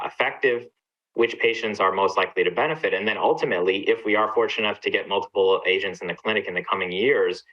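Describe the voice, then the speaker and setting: A man's voice: low voice, pushed and bright. A man answering as an expert panelist, hesitant and full of fillers as he works through his thoughts. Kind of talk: panel discussion. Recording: dull lo-fi audio.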